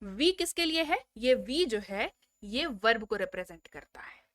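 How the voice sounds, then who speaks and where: A woman's voice: a little high, expressive, unhurried, fairly bright tone, dry recording. A woman teaching a spoken English lesson, drilling word lists and prompting students to repeat after her.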